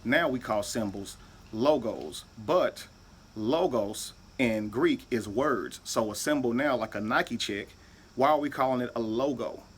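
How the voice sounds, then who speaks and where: A man's voice: medium pitch, measured pace, breathy edge. A man giving an emphatic lecture-style monologue, spelling words out letter by letter and asking "right?" often. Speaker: video speaker.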